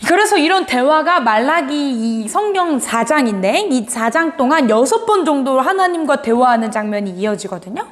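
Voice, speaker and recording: A woman giving a children's sermon, telling the story in an animated way and speaking directly to the kids. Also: sits high, moderate pace, few pauses. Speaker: children's pastor. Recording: long hall reverb.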